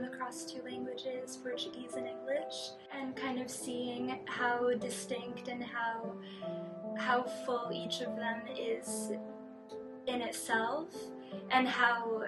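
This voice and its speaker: A woman's voice: fairly high pitch, little pitch movement, slow, recorded from a distance, over loud music. A woman working as a design associate, giving a reflective personal statement and repeating words as she goes.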